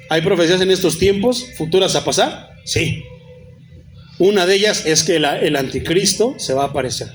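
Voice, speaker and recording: A man preaching a sermon, calling his listeners brother and reciting Bible references. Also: high-pitched. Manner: addresses listeners as brother, cites many Bible verses. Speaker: pastor.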